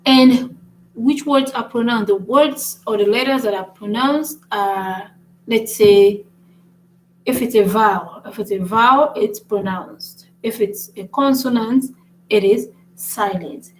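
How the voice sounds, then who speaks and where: A woman teaches French in an informal video, her voice fairly high and her pace slow, though the audio is poor. Originally an English speaker, she keeps things chatty, says "right?" again and again, repeats points, and uses a board.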